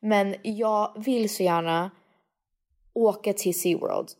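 A young woman in casual podcast conversation. She tells anecdotes in a lively, chatty way and slides between Swedish and English. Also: medium pitch. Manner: animated storyteller, mixes Swedish and English. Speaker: podcast co-host. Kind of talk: casual chat.

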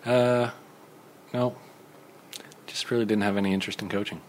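A guest on a relaxed podcast, this man has a very low voice. He keeps his answers short and easygoing, chuckling along with the host. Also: moderate pace. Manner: laid-back, brief answers, laughs easily. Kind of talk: casual interview chat.

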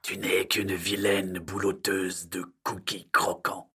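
A man playing a sinister male bogeyman who punishes naughty children, speaking in a slow, accusing, mocking way. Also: sits low, little pitch movement, pushed and bright, husky, faint music behind, heavily acted. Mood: menacing.

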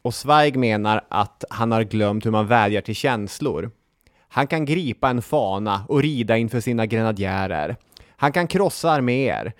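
Male podcast co-host, casual history chat, wry asides, mid-pitched voice, dry close recording. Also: no echo. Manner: conversational, dry jokes and quoted passages.

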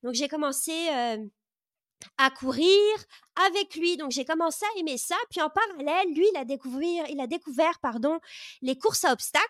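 A woman's voice: high voice, moderate pace, fairly bright tone, no room sound, clean studio sound. A woman in her thirties, a podcast host, telling her personal story in a casual, enthusiastic way with many hesitations and restarts. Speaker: podcast host, guest of this episode.

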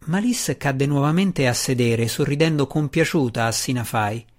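A man narrating a fantasy novel aloud at a steady, measured pace. His voice sits at an ordinary middle pitch, read as a plain audiobook.

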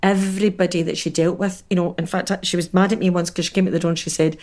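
A Scottish woman who works in drama and storytelling, telling anecdotes in an animated way during a casual conversation. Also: on the low side, fast talker.

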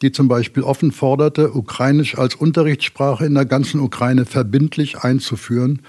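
A man, a former school official, giving a prepared account in a calm, matter-of-fact way. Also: medium pitch, normal speed.

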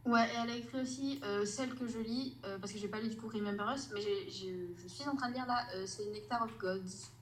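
A woman's voice: medium pitch, a little fast, hardly any pauses, a little hiss or hum, rough recording. A woman author as a podcast guest, rambling casually and often stopping to search for names.

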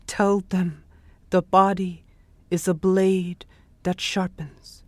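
A poet speaking softly, then reading a poem aloud in a measured way with long pauses. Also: male voice, sits high, flat delivery, no room sound. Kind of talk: poetry reading.

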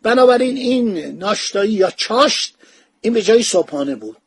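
A man's voice: sits high, lively intonation, breathy edge, dry recording. A man speaking, retelling a historical travel account in a casual storytelling manner as a podcast host. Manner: anecdotal retelling, acts out quoted dialogue. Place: home study with bookshelves.

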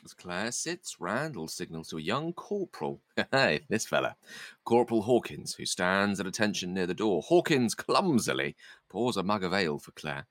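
A man's fairly low voice with a lively, swooping range. He reads stage directions from a script and drops in casual asides, in a dry recording. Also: normal speed, no echo.

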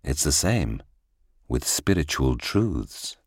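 A man voicing a wise, patient royal minister who speaks quietly and firmly. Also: extremely low pitch, very animated, slow, heavy background noise, exaggerated voice. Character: wise calm older male royal minister.

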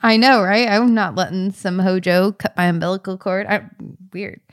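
A woman hosting a podcast who reads measured scripted narration and then slips into light, teasing chat. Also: mid-range voice, fairly even intonation, no room sound, studio quality. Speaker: podcast host. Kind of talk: scripted narration and casual banter.

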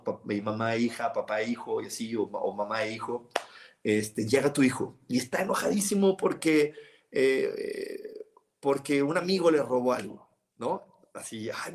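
A middle-aged man with a Mexican accent talks through emotional advice on his live program. He explains patiently and circles back over his own words, with frequent restarts. His voice sits at an ordinary middle pitch. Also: slight background noise. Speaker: reader giving private readings. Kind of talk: reflective advice talk, reading viewer comments.

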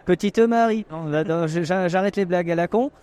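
A man's voice: fairly high pitch, steady tone, fairly quick, a little mellow, clear, resonant tone, some chatter behind. A man hosting a podcast, chatting and teasing guests in casual interviews at an outdoor wine tasting. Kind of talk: casual vox-pop interview.

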